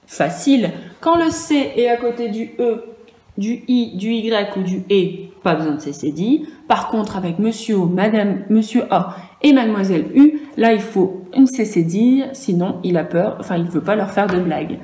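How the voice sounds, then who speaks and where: With a warm, medium-pitched voice, a French-accented primary school teacher speaks at a moderate pace and stays animated while teaching young children in a virtual class. She patiently breaks down sounds and syllables, and the recording sounds roomy.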